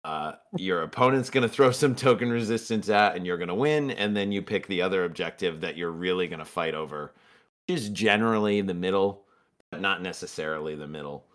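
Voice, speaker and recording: A man's voice: deep voice, a little fast, a bit bright. A man on a podcast, methodically recapping his tabletop games in detail. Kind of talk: casual chat.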